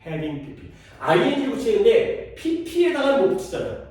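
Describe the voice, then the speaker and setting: This man's voice is very high with big pitch swings, a little slow and a little mellow, as he teaches grammar at a cram school, testing his students and going back over key terms. The classroom echoes and he sounds distant.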